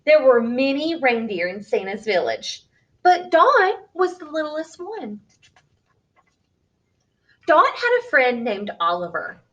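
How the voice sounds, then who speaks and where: In a high voice, a storyteller reads a picture book to young kids with expressive, careful delivery. The audio is dull.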